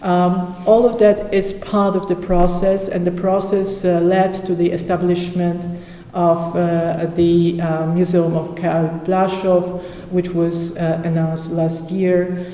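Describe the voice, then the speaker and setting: A conference speaker talks through an academic presentation in a mellow, subdued voice, halting often between phrases. The delivery is slow, and the sound rings through a lecture hall with a long reverb tail. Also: mid-range voice, little pitch movement. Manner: halting, with frequent pauses and fillers.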